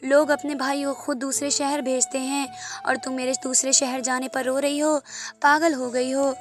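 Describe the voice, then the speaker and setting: A woman voicing a gentle older brother who softly soothes and reassures his younger sister in a storybook tale. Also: sits high, little pitch movement, normal speed, faint music behind, lightly acted. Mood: consoling.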